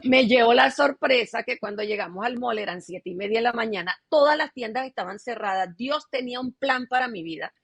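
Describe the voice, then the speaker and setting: A woman's voice: on the high side, fairly quick, gravelly, few pauses, slightly rough, no room sound. A middle-aged woman pastor, telling her testimony in an interview and acting out the dialogue she quotes.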